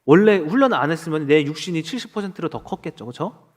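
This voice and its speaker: A man's voice: fairly high pitch, animated, quick pace, a little mellow. A man in his thirties preaching a sermon as pastor, acting out quoted dialogue as he goes.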